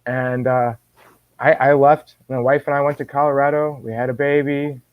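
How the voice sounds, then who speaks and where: A man guest telling a personal faith story in an animated way, often restarting and repeating words. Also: medium pitch, moderate pace, smooth, no echo. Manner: animated, acts out his own quoted words. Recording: dull dry lo-fi sound.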